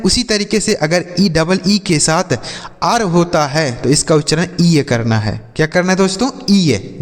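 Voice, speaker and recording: Man spelling out English words in a reverberant room. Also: high voice. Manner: spells words out letter by letter, asks then repeats answers. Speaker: English teacher. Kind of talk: spelling and pronunciation lesson.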